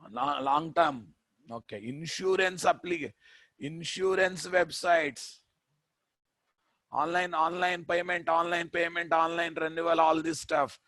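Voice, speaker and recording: A man's voice: fairly high pitch, pushed and bright, dry recording. A man with a Telugu Indian accent lecturing as a programming instructor, repeating phrases for emphasis and prompting his listeners with questions. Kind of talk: classroom lecture with rhetorical questions.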